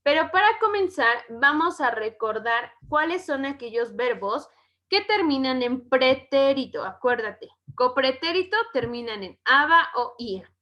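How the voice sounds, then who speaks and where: Slow, bright-voiced Mexican woman teaching. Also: high-pitched, animated. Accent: Mexican Spanish. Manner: slow, checks in with "¿ok?". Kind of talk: grammar lesson for schoolchildren.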